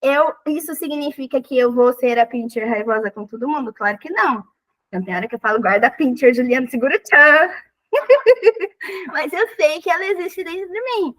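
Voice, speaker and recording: A woman with a thin, high voice, talking casually and expressively as a podcast guest and acting out little quoted exchanges. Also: animated, moderate pace, poor audio. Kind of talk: casual conversational advice.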